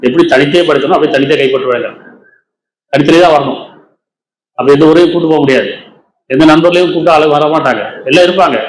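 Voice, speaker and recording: A man preaching at a brisk clip, his voice pitched a little high. He keeps putting rhetorical questions to his listeners. The recording has a roomy echo. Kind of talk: Islamic sermon in Tamil. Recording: echoey room with faint ambience.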